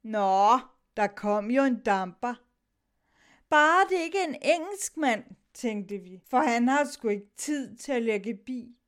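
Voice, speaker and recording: A woman's voice: on the high side, expressive. A woman reading a dramatic story of shipwrecked sailors aloud, shifting her tone between the sailors' lines.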